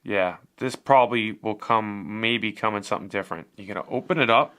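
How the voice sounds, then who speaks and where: A man's voice: on the low side, fairly quick, a bit bright. A man giving a casual, chatty product review as he unboxes and shows a device, swearing now and then.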